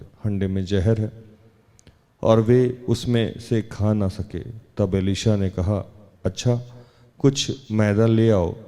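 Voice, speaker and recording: A man preaching a sermon, reading scripture slowly and deliberately and then preaching with rising emphasis. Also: on the low side, mellow, big-room sound. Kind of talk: Hindi sermon with Bible reading.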